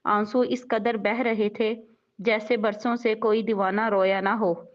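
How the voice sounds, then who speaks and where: A woman narrating a sorrowful, dramatic story, giving the characters' lines softly in her own telling. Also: medium pitch, level tone, measured pace. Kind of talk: emotional scripted narration. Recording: dull lo-fi recording.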